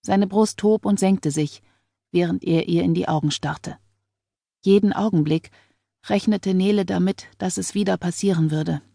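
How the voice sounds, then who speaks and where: A woman reading an audiobook novel in calm, measured storytelling. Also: on the low side, gravelly, no room sound, clean studio sound. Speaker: audiobook narrator. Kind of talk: scripted narration.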